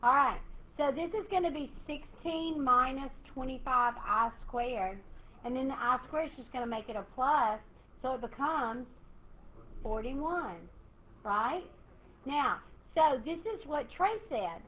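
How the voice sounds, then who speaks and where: A woman math teacher, lecturing her class in a lively, encouraging way and quizzing students. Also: high voice, a little slow. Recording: tinny phone-like classroom recording, faint hiss.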